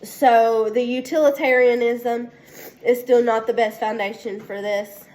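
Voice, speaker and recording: Slow, hesitant congested young woman. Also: on the high side, steady tone, a little mellow. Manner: hesitant, many ums and restarts. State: congested from a sinus infection. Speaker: student presenting a weekly assignment. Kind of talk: casual spoken class presentation.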